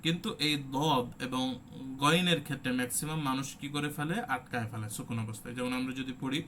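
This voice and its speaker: A man's voice: medium pitch, fast talker, bright, forceful tone, slight background noise. A man teaching an online Quran recitation class, explaining step by step and sounding out letters as examples. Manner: asks the listeners rhetorical check questions.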